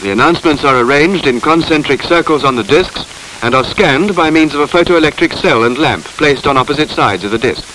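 A man narrates a 1950s documentary in formal, measured phrases. His voice sits a little higher than usual for a man. The old film soundtrack adds a light hiss. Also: animated, bright, forceful tone, low-quality recording.

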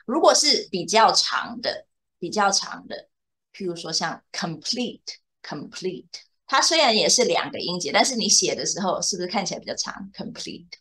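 A woman's voice: fairly low pitch, sing-song, normal speed, fairly bright tone. A woman teaching English to a young student one on one, explaining patiently and checking often that the student follows. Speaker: English tutor. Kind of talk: bilingual tutoring lesson.

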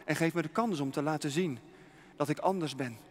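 A man's voice: a little high, a little fast, lightly acted. A man voicing an earnest missionary who pleads for peace, heard with a long hall reverb. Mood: urgent. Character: tense Dutch missionary man, pleading calmly.

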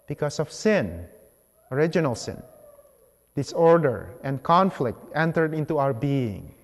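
A very animated priest delivers a homily at the ambo, his fairly high-set voice moving through measured, deliberate phrases with pauses between them. The large church's long reverb trails behind.

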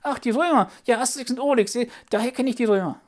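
A woman's voice: quick pace, natural voice. A woman voicing a curious, chatty young worm puppet who keeps asking naive questions in a children's puppet show. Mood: excited. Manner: asks endless naive questions, squeaky and excitable.

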